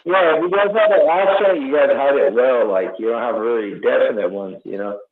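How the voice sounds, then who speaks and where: A man's voice: mid-range voice, a little fast. West coast california guy, tinny phone line. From California, United States. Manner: laid-back, lazy beach drawl. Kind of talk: casual group chat.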